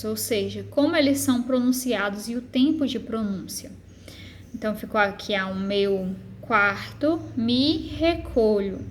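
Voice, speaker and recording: A woman teacher with a Brazilian Portuguese accent giving a recorded lesson, patiently explaining and slowly spelling out syllables. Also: fairly high pitch. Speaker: literature teacher.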